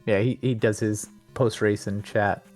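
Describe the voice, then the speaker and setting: A man's voice: lowish voice, steady tone, unhurried, a little mellow, soft background music. A man commentating on a live race stream, laid-back and joking. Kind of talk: casual race commentary chat.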